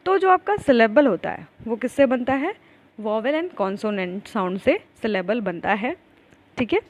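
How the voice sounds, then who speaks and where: A woman teacher gives a recorded lecture, asking herself questions and then answering them, and reads the definitions slowly, word by word. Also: fairly high pitch, animated, low-quality recording. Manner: explains with repeated rhetorical questions.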